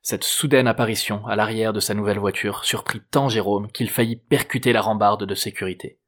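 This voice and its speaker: A man narrating a novel chapter in a measured, even storytelling manner. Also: on the low side. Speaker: audiobook narrator. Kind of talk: scripted narration.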